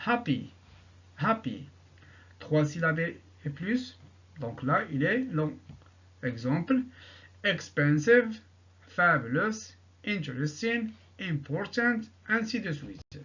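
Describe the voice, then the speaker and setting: A man teaching an English grammar lesson, repeating each example sentence slowly and answering his own questions. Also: fairly high pitch, very animated, a bit bright, highs cut off.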